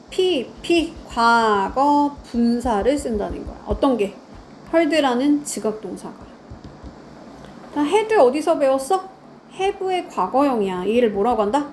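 A woman's voice: high voice, a little hiss or hum. A woman teaching grammar in a lecture, quizzing her students and answering her own questions.

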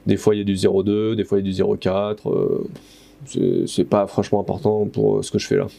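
Speaking fairly quickly and flatly, a man in his thirties, a plasterer, casually recounts his stone-wall renovation with many fillers and self-corrections. His fairly low voice is gravelly yet mellow. The footage comes from a head-mounted action camera in a stone room.

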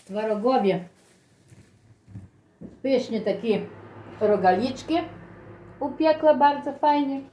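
A woman's voice: high voice, lively intonation, slow, long pauses, dark tone, slight background noise, rough recording. A middle-aged or older woman with a Ukrainian accent and slurred, toothless articulation, chatting casually and folksily to viewers in a rambling eating vlog. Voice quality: slurred articulation from missing teeth.

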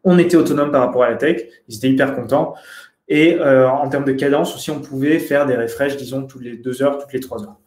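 Young male webinar presenter, mid-pitched, halting delivery full of fillers, roomy webcam sound. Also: darkish tone. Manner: hesitant, many fillers and restarts. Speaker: conference speaker. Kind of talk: webinar presentation over slides. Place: indoor room. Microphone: webcam video call.

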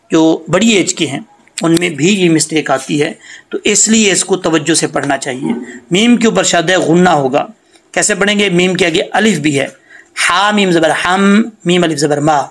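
A man teaching Quran reading in a screen-recorded lesson. He explains patiently, repeats words slowly and chants the recited words in a drawn-out way. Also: sits high.

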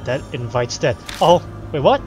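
Excitable man narrating a game. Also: mid-range voice, moderate pace, faint music behind, low-quality recording. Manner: excitable, swears often, voices lines. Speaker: game player reading dialogue aloud. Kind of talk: playthrough narration with reactions.

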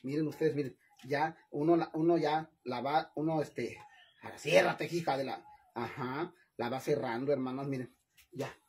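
A man's voice: medium pitch, normal speed. Campy, playful Mexican man cooking. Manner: campy, playful, calls viewers sisters, laughs often. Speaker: vlogger cooking on camera. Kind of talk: casual live cooking chat.

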